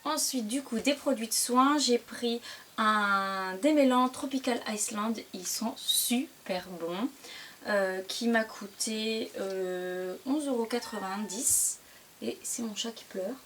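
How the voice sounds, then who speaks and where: A woman's voice: on the high side, slow, a bit bright. A young woman in her twenties, chatting casually with lots of fillers and hesitations as she shows items in a haul video at home. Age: 20s. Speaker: vlogger. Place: indoors at home. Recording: distant mic with clear background noise.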